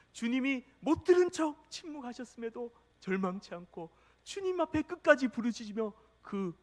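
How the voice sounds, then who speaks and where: A pastor preaches an impassioned sermon in a very high voice, moving between hushed, near-whispered passages and loud, urgent calls. The sound is that of a big room.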